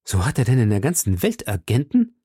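A man's voice: mid-range voice, huge pitch swings, a little fast, warm tone, husky, dry recording, clean studio sound, heavily acted. A man reading an audiobook, voicing a young, earnest nobleman who asks worried questions.

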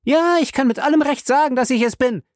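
A man reading an audiobook and voicing a jealous wife who screams her accusations in a shrill, cracking voice. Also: very animated, brisk, no echo, studio quality. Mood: furious. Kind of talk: audiobook character voice.

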